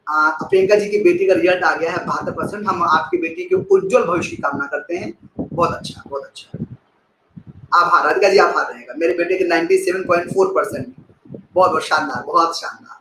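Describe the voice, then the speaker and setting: A man teaching a live online class, explaining with expressive emphasis, repeating key phrases and thanking viewers by name as he reads the chat. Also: high voice, a little fast, roomy sound, noisy background.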